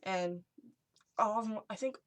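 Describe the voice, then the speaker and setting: Young woman vlogger in a hushed, whispery voice. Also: medium pitch, measured pace. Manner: hushed, whispery delivery, as if sharing secrets. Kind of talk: casual chat, reading and reacting to short messages.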